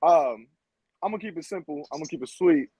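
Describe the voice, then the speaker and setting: A man's voice: high voice, sing-song, quick pace, gravelly, mellow, husky, dry recording, poor audio. A man trash-talking a rival on a wrestling podcast, brash and repeating himself, tossing out "bro" and "y'all". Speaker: indie wrestler, guest.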